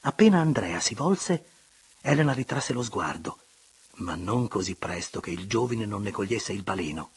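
A male audiobook reader with a strongly husky, grainy voice. He narrates in an expressive, measured manner with a very lively, wide-ranging pitch.

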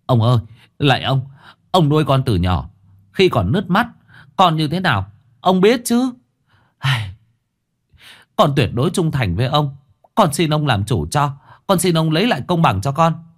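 Two-faced male servant, voiced by a male narrator, high and whining. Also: sing-song, moderate pace, pauses often. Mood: groveling. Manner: whining, fawning.

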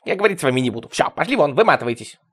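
A man voicing a desperate young female addict in a storybook reading, hoarse and hostile. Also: a little high, big pitch swings, racing, a bit bright, full character voice. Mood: defiant. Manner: hoarse, snarling and pleading.

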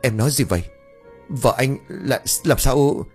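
A man's voice: lowish voice, brisk, a little mellow, slightly rough, faint music behind. A man voicing a worried young husband who calls out and pleads in an anxious, raised voice. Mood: anxious pleading.

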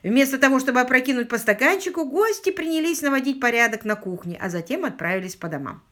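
A woman narrating an audiobook with expressive storytelling. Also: high-pitched, fast talker. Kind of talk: scripted narration.

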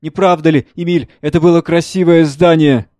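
A man's voice: fairly high pitch, steady tone, normal speed, a little mellow, no room sound, clean studio sound, voice pushed up, natural voice. A man reading a play aloud, voicing an anxious wife and mother who speaks in a pleading way. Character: wife and mother, anxious, strangely distracted woman.

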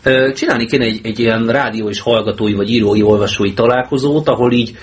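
A man hosting an amateur talk radio show, chatting casually with a joking, sarcastic manner. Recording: low-bitrate mono mp3 with faint hiss.

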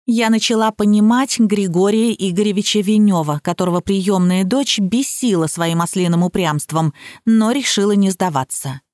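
A woman narrating a detective story in first person in a lively, scripted reading. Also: mid-range voice, moderate pace, dry recording, studio quality. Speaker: audiobook narrator.

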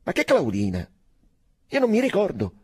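Man reading as a detached young officer: dry, languid, husky. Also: high-pitched, wildly swooping pitch, moderate pace, a little mellow, pitched above the performer's own voice, heavily acted. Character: pale, aloof young male officer, bored and detached.

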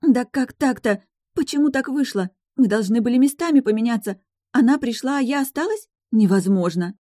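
A woman's voice: normal speed, mellow, dry recording, clean studio sound, natural voice. A woman voicing a jumpy, tearful seventeen-year-old sorceress girl in an audiobook, whiny and panicky. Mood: wailing. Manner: whiny, panicky, high-strung. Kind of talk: audiobook character voice.

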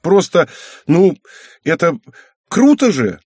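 Man reading as a giddy teen girl, shrill and high, husky edge, dry audiobook read. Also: very animated, takes it slowly, a little mellow, no room sound, heavily acted. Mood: excited. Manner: high, bursting, childish. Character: excitable sixteen-year-old red-haired girl.

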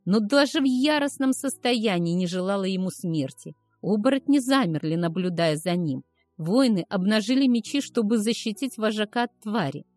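Woman audiobook narrator, steady first-person read, dry close sound. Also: mid-range voice, moderate pace, no room sound, faint music behind.

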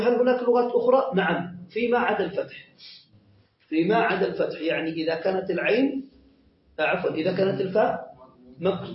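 High-voiced man teaching in an echoey room. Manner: asks questions and answers them himself; patient, repeats points and corrects himself. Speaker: Arabic grammar teacher. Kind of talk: classroom grammar lesson. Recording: echoey muffled lo-fi lesson recording.

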